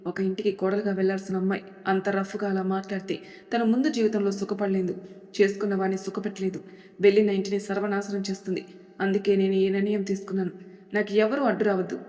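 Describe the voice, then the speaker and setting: A woman's voice: mid-range voice, a little mellow, close to an everyday voice. Storybook husband: cold, sarcastic, bossy , as a female narrator puts him on; long reverb. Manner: sarcastic, stern and commanding. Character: domineering young husband, cold and commanding.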